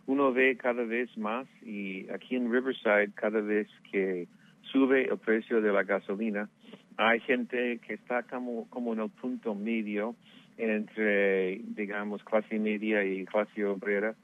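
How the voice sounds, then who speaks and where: A man speaking as a guest professor in a radio interview, measured and thoughtful, heard over a phone line. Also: on the low side, steady tone.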